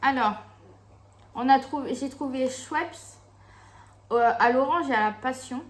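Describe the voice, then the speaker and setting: Higher-voiced, slangy Frenchwoman chatting casually. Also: measured pace. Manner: informal, slangy. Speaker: co-host of a tasting video. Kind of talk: casual tasting chat. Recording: faint background noise.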